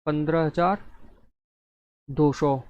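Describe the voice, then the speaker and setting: A man's voice: on the high side, fairly even intonation, slow pace, darkish tone, lo-fi sound. A man teaching an accounting lesson, reading sums aloud and asking and answering his own questions. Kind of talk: screen-recorded lesson.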